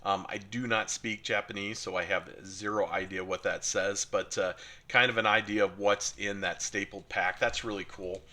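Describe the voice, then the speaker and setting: Excited man opening fan mail. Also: on the low side, moderate pace. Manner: enthusiastic, nostalgic, many fillers. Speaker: card collecting channel host. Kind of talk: casual unboxing chat.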